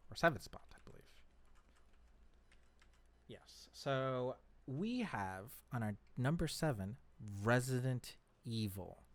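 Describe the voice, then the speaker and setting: A podcast host talks about movies in a casual, conversational style, using a mid-range voice that is slightly bright. The recording has no echo.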